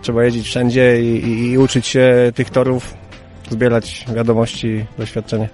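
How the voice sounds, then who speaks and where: A man's voice: mid-range voice, completely flat delivery, moderate pace, a little mellow, faint music behind. A male team coach giving a post-event interview, hesitant and repeating words as he searches for them.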